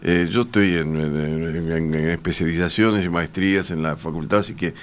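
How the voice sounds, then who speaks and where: A Uruguayan university teacher speaks on a panel in Uruguayan Spanish, hesitating often, using many fillers and restarting his sentences. His voice sits low and is clear and resonant, and he talks at a moderate pace.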